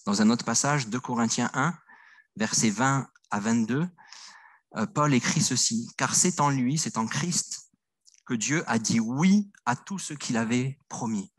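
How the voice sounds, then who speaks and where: A middle-aged man with a French accent delivers a sermon with earnest conviction. He circles back over his phrases and sometimes trips and restarts a word. His voice sits at an ordinary pitch and sounds dry and close, with no room echo. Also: measured pace. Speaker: pastor.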